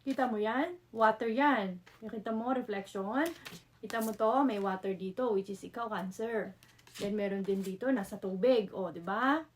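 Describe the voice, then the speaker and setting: A woman's voice: mid-range voice, moderate pace. A woman with a Filipino accent doing a casual tarot reading, chatty, mixing Tagalog and English with frequent "no?" tag questions. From Philippines. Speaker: tarot reader.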